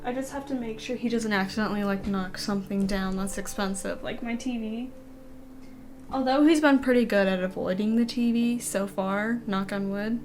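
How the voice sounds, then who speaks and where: A woman's voice: medium pitch, moderate pace, darkish tone, a little hiss or hum. A woman chatting casually as she streams a video game, with a slight lisp from the dental aligners she is wearing. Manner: casual, rambling, reading game text aloud between remarks. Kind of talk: casual chat while playing a video game. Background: game music.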